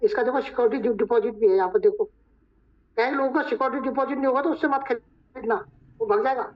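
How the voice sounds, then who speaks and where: A hoarse man acting as trainer, talking viewers through a screen-share tutorial step by step. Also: extremely high pitch, quick pace. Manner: talks viewers through each step, repeating "look". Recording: dull lo-fi recording.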